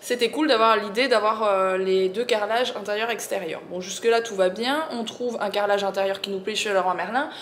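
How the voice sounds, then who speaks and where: A woman's voice: mid-range voice, fairly even intonation, fairly quick, few pauses, fairly bright tone. A woman chatting casually to viewers as a vlogger, with a slight lisp on her s sounds and an informal, digressive way of telling things. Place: indoors at home. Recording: roomy echo, faint background noise.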